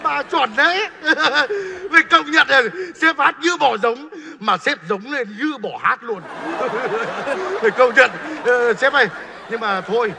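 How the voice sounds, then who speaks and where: A cheeky, gravelly motorbike-taxi driver. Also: male voice, very high voice, in a large hall, noisy background. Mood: teasing. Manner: teasing, blunt. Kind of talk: stage comedy sketch.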